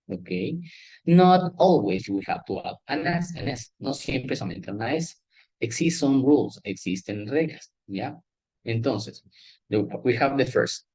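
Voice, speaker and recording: Man, teaching English grammar, unhurried, middle pitch, dry sound. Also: a little mellow, no echo, low-quality recording. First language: Spanish. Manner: explains step by step, checks in with "¿ya?" and "¿sí?"; switches between Spanish and English. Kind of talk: classroom grammar lesson.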